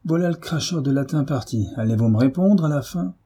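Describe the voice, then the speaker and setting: A man's voice: on the high side, lively intonation, brisk, dark tone, husky, pitched above the performer's own voice. A man voicing a rude, domineering middle-aged husband who scolds harshly in an audiobook reading. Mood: angry.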